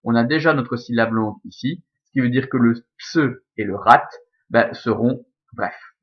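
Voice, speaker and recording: Methodical Belgian French teacher, dull lo-fi sound. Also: male voice, medium pitch, moderate pace. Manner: patient, methodical, with frequent fillers and self-corrections. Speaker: Latin teacher. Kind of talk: recorded lesson explaining verse scansion.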